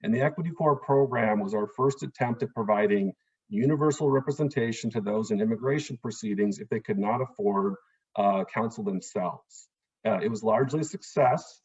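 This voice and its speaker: An immigration attorney speaks in a husky, medium-pitched voice, giving an earnest, explanatory town hall talk over a video call. He says "um" and "uh" often, and the recording sounds muffled.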